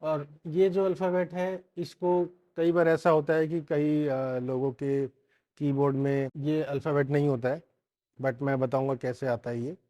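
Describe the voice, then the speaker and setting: Male tutor, online lesson, slow and repetitive drilling, somewhat high-pitched. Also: level tone, mellow. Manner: slow, repeating sounds many times for learners. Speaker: language teacher.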